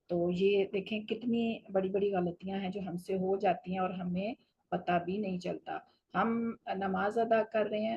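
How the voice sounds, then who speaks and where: A woman teaching a Quran recitation lesson, explaining patiently and slowing down for each recited example. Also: mid-range voice, vocal fry, breathy edge, muffled recording. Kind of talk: tajweed lesson.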